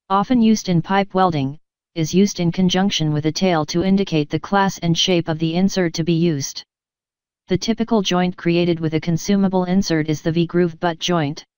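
Calm, even, and measured, a woman instructor narrates a scripted technical lesson in a slightly low voice that is very clear and clean. The recording is dry and close-miked, with no room sound and no echo.

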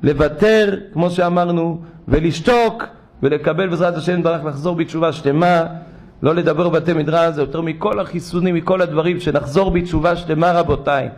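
A man, a rabbi, giving a sermon in a synagogue, telling stories and voicing the people in them. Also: fairly high pitch. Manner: animated storytelling, acting out voices; rises to loud exhortation.

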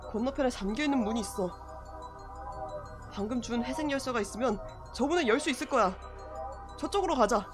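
Woman voicing a gentle young man, game companion. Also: on the high side, lively intonation, a little fast, long pauses, close to an everyday voice. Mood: calm, urging. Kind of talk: reading game dialogue aloud in character. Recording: music behind the voice.

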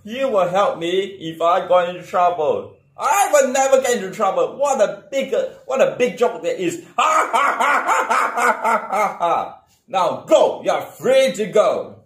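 A man voicing a boastful, proud male lion king with a slow, booming, roaring delivery, in an echoey room. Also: expressive. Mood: mocking.

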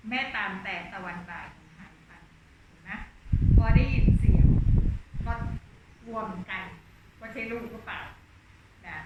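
A woman teacher explaining classical verse to her class in plain talk, acting out the characters' thoughts. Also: medium pitch. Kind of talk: classroom lesson on Thai literature. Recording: distant, muffled, echoey, noisy.

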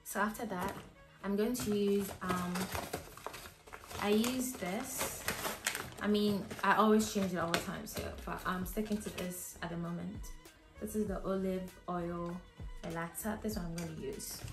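Slightly hoarse with a cold, a young woman guides viewers step by step through a casual hair tutorial, speaking a little slowly with a medium pitch and fairly even intonation. She says um a lot and restarts her sentences. It's recorded by a camera at desk distance in her echoey living room, soft music audible behind.

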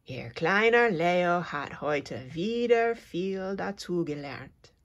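A woman whose first language is English, reading a children's picture book aloud with expressive storytelling. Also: fairly low pitch, slow pace, dull audio. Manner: expressive storytelling, with sound effects. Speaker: reader.

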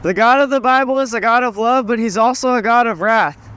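A man's voice: very high voice, fairly quick, fairly bright tone, slight background noise. A young man with a Southern US accent preaching outdoors, reading scripture steadily and then explaining it plainly. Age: young adult. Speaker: street preacher. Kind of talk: open-air street preaching and scripture reading. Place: outdoors on a town street.

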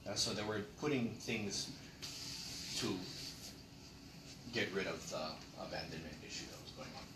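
This middle-aged man's low voice moves at a moderate pace as he lectures on land history, emphatic and full of rhetorical questions. The recording comes from a far camera in an echoey classroom with a projector screen and a noisy background.

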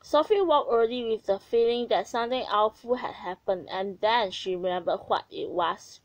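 A woman narrating a children's story aloud in a gentle, expressive way. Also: medium pitch, moderate pace, no room sound, low-quality recording.

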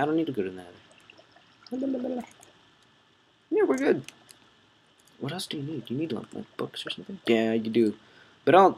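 A man's voice: mid-range voice, darkish tone. A young man hosting a gaming channel, rambling and correcting himself as he comments on his play and talks to viewers.

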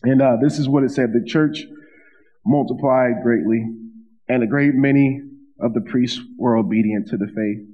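A man's voice: mid-range voice, steady tone, moderate pace. A man in his thirties preaching a sermon from a church pulpit, talking conversationally with asides and repeated phrases. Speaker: pastor. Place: church stage at a wooden pulpit. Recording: dull sound with long hall reverb.

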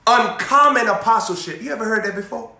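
A young male preacher with a high, bright voice delivers an energetic sermon a little fast. He moves around, preaching in an animated, repetitive way with call-and-response questions. The room is indoors with a banner backdrop and sounds echoey.

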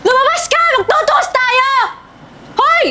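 A woman playing a furious wife who loudly accuses another of stealing her husband, in a short film. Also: extremely high pitch, big pitch swings, brisk, background noise. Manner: loud, accusing, theatrical shouting. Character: furious wife confronting a suspected mistress.

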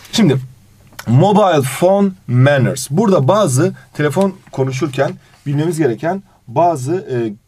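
A man's voice: medium pitch, no echo. A man teaching an exam review lesson, reading out English phrases and translating each one while fondly addressing his student. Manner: animated intonation.

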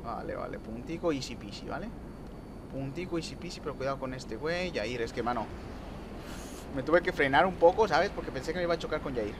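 A young man giving lively gameplay commentary, talking to viewers and teasing rivals. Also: medium pitch, brisk, noisy background. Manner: excitable, talks to viewers and rivals, trash-talks. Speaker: gaming youtuber.

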